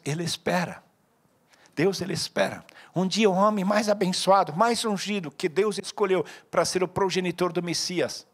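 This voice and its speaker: High-voiced, animated preacher man. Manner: animated preaching, acting out dialogue with sudden loud and soft turns. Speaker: pastor. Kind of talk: sermon.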